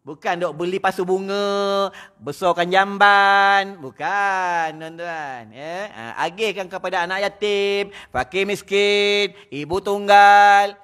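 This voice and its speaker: Blunt high-pitched Malaysian Malay preacher. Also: male voice, steady tone, slow, hardly any pauses, a bit bright, clear, resonant tone. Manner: blunt, teasing, scolding the audience, frequent "ya? ha.". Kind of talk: mosque lecture sermon. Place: mosque prayer hall.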